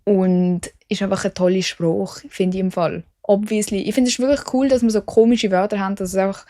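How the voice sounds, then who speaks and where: A woman's voice: mid-range voice, steady tone, a little fast, mellow, no room sound, clean studio sound. A young woman from Switzerland with a Swiss German accent, chatting casually as the host of her solo podcast, self-mocking and full of English slang.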